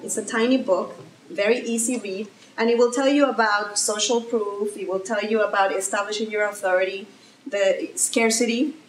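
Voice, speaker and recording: A woman with a Mexican accent giving a lively presentation to an audience in a room, talking with fillers and restarts. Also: medium pitch, brisk, a little hiss or hum. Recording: echoey room, faint ambience.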